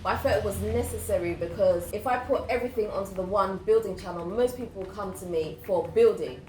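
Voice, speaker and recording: A woman's voice: medium pitch, fast, warm tone, faint music behind. A woman in her thirties with a British accent, chatting candidly as an interview guest and acting out what others said. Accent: British English. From United Kingdom. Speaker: guest, YouTuber. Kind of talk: casual interview chat. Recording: roomy with clear background noise.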